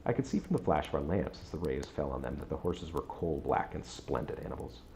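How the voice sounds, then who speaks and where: Man, extremely low voice, dramatic measured novel narration, faint background noise. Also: animated, creaky, darkish tone. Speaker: audiobook-style reader on a stream. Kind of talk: reading a gothic novel aloud.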